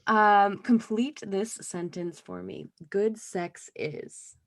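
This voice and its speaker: A woman's voice: medium pitch, steady tone, takes it slowly, vocal fry. A woman hosting a casual podcast interview, upbeat and giggly, encouraging her guest. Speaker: podcast host.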